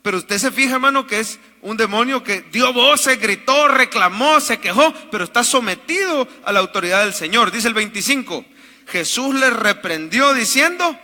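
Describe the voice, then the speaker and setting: Pastor preaching loud, high bright voice, long echo in the church. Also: male voice. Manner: emphatic, calls for amens from the congregation. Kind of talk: sermon.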